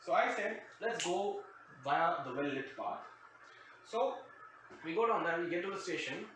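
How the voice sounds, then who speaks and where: His voice sits high, expressive and fairly bright, and he takes his time telling a casual, wry comic anecdote that wanders off on tangents. The man, a storytime show host, grew up outside the country he lives in today. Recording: a distant mic, a very echoey room, faint noise.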